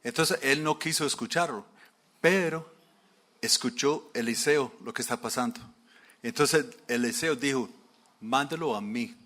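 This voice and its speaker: A man preaching a sermon, retelling a story in a lively way and asking the listeners questions. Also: medium pitch, unhurried.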